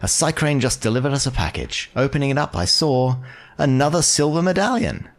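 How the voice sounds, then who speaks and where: A man voicing an excitable young female streamer in a cute, showy anime style, as if addressing a live chat. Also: mid-range voice, a little fast, pitched above the performer's own voice, natural voice. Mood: excited, showy.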